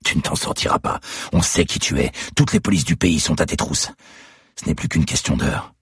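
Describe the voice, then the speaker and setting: A man narrating a dark first-person thriller in a measured, tense way. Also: very deep voice, slightly rough, no room sound, clean studio sound. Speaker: audiobook narrator.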